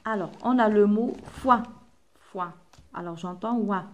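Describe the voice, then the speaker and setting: A woman primary school teacher with an Algerian accent, giving a phonics lesson and slowly repeating each word and sound for young pupils. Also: mid-range voice. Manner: slow, drawn-out repetition of words and sounds for children. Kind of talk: French phonics lesson mixed with Algerian Arabic explanations.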